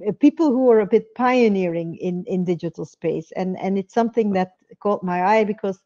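A woman's voice: mid-range voice, moderate pace, dark tone. Hesitant woman hosting a video call. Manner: hesitant, many fillers and restarts. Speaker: interview host. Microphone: earbud headset on a video call. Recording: dull lo-fi video call audio.

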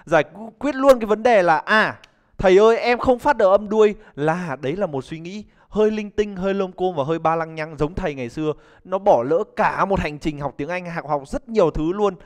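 Man, young adult, slightly high voice, joking English teacher, live online class. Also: fairly quick. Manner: chatty, joking, calls on students to respond.

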